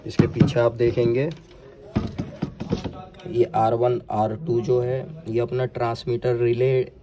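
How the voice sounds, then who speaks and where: This Indian man, a product installation demonstrator, speaks at medium pitch in a slow monotone. The recording is dull and very noisy as he improvises a step-by-step installation walkthrough sprinkled with English technical words.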